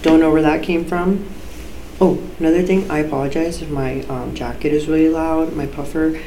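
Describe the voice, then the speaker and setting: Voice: medium pitch, fairly even intonation, moderate pace, dark tone. A podcast host chatting casually and informally, swearing freely and breaking off mid-thought, in an echoey room on a poor microphone. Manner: informal, sweary, self-interrupting. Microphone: low-quality microphone. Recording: echoey room, poor mic, background noise.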